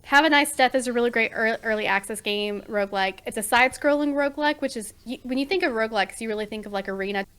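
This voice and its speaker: A woman's voice: on the high side, a bit bright, clean tone. A woman chatting casually as a podcast guest, her voice dropping out in bursts from a faulty mic. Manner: chatty, quick to agree, trails off with fillers. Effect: audio dropping out in bursts from a faulty mic. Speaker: podcast guest, variety streamer. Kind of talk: casual chat. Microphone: home streaming mic with a loose cable.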